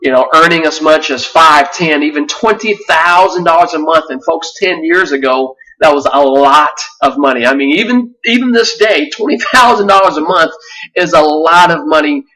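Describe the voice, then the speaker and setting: Man, 40s, from Vietnam, webinar presenter; earnest pitch, lots of fillers, bright tone, set back from the mic. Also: moderate pace, distant mic, poor audio. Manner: earnest, with frequent fillers and restarts.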